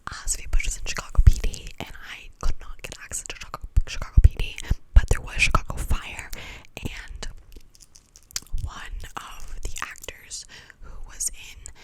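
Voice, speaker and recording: Woman's fast, breathy ASMR whisper ramble. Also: low-quality recording. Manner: rambling, casual, slangy and sweary. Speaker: ASMR video creator.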